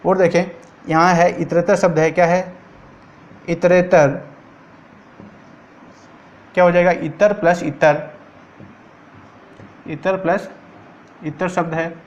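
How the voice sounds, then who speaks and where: Guy teaching grammar, kinda high voice, keeps asking and answering himself. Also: level tone, slow pace, long pauses, dull audio. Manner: repetitive, asks and answers his own questions. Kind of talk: exam-prep grammar lesson.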